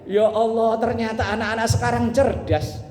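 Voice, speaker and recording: A middle-aged man preaching a humorous sermon in a mosque, telling jokey stories, acting out other people's lines and breaking into sudden loud bursts. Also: extremely high pitch, little pitch movement, moderate pace. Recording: echoey mosque hall with long reverb.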